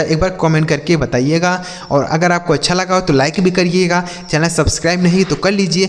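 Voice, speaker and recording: A man with a slightly raised voice teaches reading to children, spelling each word letter by letter and repeating his own questions before answering them. He sounds like he is in a room with a long, lingering reverb. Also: on the high side. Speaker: English teacher. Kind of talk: classroom-style phonics lesson.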